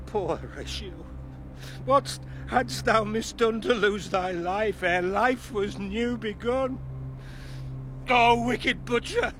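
A grief-stricken father voiced by an actor declaims anguished verse in a classical drama. His voice is fairly high and bright, and he speaks at a slow, weighted pace. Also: a little hiss or hum, full character voice. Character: grief-stricken aging father seeking revenge.

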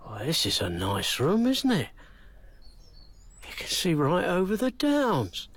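An actor playing an awkward, hesitant visitor making stammering small talk in an audio drama. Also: male voice, sits high, huge pitch swings, takes it slowly, full character voice. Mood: nervous, polite. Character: awkward, hesitant visiting man bringing flowers.

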